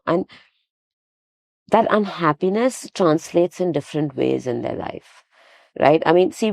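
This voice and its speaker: Woman, lowish voice, animated storyteller, dry close sound. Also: creaky, no echo. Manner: animated storytelling with quoted dialogue. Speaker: guest, fitness studio owner. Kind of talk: casual conversation.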